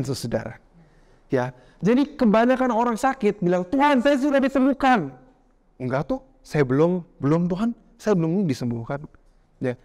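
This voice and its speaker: A man preaching a sermon, animated, constantly addressing listeners as brothers and slipping English phrases into his talk. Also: on the high side.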